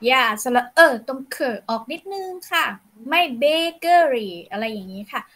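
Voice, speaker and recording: A woman's voice: a little high, lively intonation, normal speed, sharp tone. A woman teaching an English pronunciation lesson to children, patiently coaching each sound.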